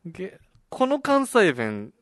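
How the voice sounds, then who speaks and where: A man's voice: high-pitched, wildly swooping pitch, takes it slowly, a bit bright, no room sound, studio quality. A young man from Okinawa chatting casually and animatedly, often laughing as he tells stories. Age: young adult. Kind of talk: casual chat.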